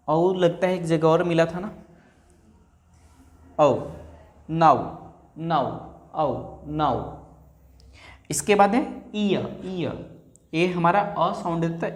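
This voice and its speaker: Slow echoey male English teacher. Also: high voice. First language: Hindi. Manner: repeats words slowly, stretches out sounds. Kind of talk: explaining pronunciation to a class. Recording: echoey room.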